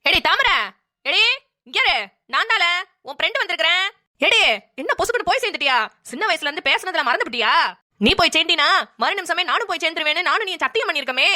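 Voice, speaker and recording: A woman's voice: very high voice, lively intonation, fast, bright, forceful tone, heavily acted. Woman doing a melodramatic old village friend. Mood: lamenting. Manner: melodramatic, lamenting. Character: old woman, the grandmother's lifelong friend, dramatic. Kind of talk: cartoon voice acting.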